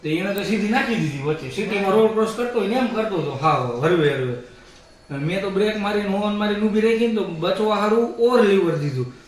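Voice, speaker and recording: On a family vlog, a man casually tells a story in a high voice at a quick pace, animatedly acting out what other people said. The room is very echoey, the mic is distant, and there is slight background noise.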